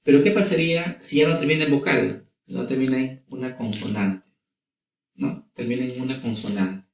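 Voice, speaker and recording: A male primary school teacher with a Peruvian Spanish accent explains grammar to children, going slowly, repeating himself, and checking in with them often. His voice is medium-pitched with vocal fry, and it sounds distant in an echoey room.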